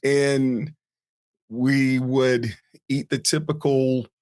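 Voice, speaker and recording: This East Coast man, from New Jersey and Virginia, recounts his childhood on a podcast in relaxed interview style, laughing a lot and poking fun at himself. He speaks extremely slowly, with a steady, mid-range, darkish voice.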